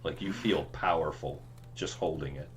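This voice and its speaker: A man running a tabletop game as game master, narrating scenes in a slow, dramatic way. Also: very deep voice, slightly rough.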